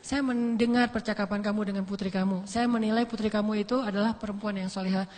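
A man voicing a stern elderly caliph, speaking in a grave, measured and lower voice while retelling a story. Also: fairly even intonation, darkish tone, lightly acted. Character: stern elderly male caliph, firm ruler. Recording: echoey hall.

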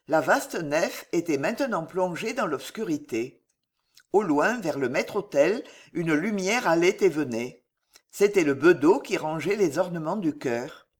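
A narrator giving an expressive, dramatic audiobook reading of a historical novel. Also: medium pitch.

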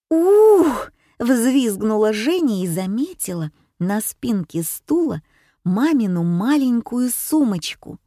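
A woman's voice: medium pitch, mellow, no echo, studio quality. A woman reading a story aloud, narrating an audiobook. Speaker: audiobook reader.

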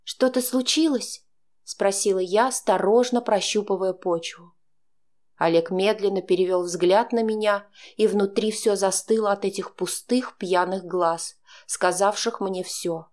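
A woman's voice: mid-range voice, fairly even intonation, a little slow, a little mellow. Woman narrating a dramatic audiobook. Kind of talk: first-person audiobook narration.

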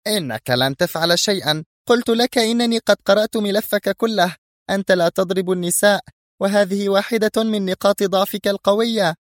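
A man voicing a defiant young female fighter who shouts in hatred, in an audiobook reading. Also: sits high, fairly quick, dry recording, clean studio sound, pitched above the performer's own voice, natural voice. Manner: shouting, hateful.

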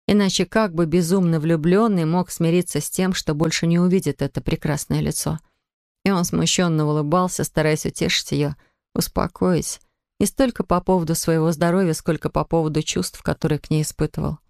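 A woman narrating a literary novel in an even, measured storytelling voice. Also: sits low, vocal fry, dry recording, clean studio sound. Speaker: audiobook narrator.

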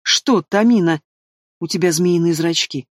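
Man playing a dragon prince, proud, predatory, insistent, fairly high voice, dry studio sound. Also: a little slow, no echo, lightly acted. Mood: intense. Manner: growling, insistent.

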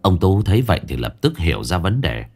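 A man narrates a ghost story. His lowish voice rises and falls dramatically as he reads. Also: fast talker, soft background music. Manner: dramatic, expressive reading.

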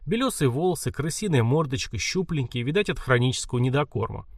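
A man narrating an audiobook with lively, animated intonation. The recording is dry and close, with no room sound. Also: medium pitch, quick pace, dry recording. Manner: expressive reading. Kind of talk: scripted narration.

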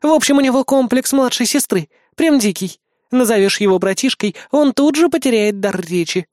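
A man reading an audiobook, voicing a brash, scheming young goddess who talks loud and snappy. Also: extremely high pitch, expressive, moderate pace, no room sound, clean studio sound, pitched above the performer's own voice. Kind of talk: audiobook character voice.

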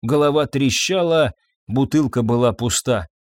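A man's voice: medium pitch, normal speed, no room sound. Man narrating a story in a dry, close voice. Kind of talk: audiobook narration.

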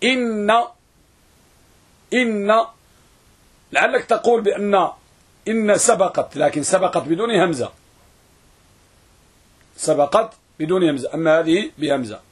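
A man teaching a grammar lesson, who repeats words and draws them out slowly for students to write down. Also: high voice, animated, slightly rough. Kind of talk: classroom lesson.

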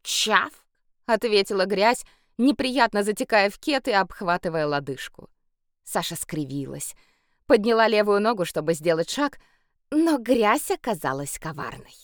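A woman reading a children's story aloud with playful, expressive narration. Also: medium pitch, normal speed, no room sound, studio quality. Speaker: audiobook reader.

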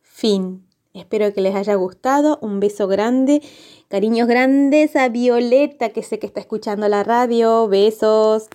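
A woman narrating a children's story on the radio in a gentle, expressive way. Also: a little high, a little slow.

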